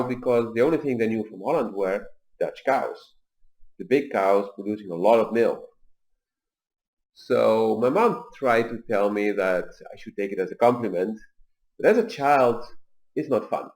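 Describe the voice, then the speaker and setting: A man in his forties, raised in Tunisia, hosting a video and telling personal stories in a calm, measured way with pauses and fillers. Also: mid-range voice. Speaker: video host. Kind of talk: personal reflective talk.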